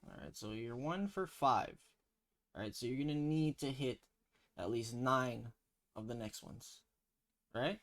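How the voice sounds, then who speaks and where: A man's voice: medium pitch, measured pace, pauses often, a bit bright. A man with a Toronto accent casually hosting a slang quiz, teasing and mock-stern in slangy banter. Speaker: quiz host.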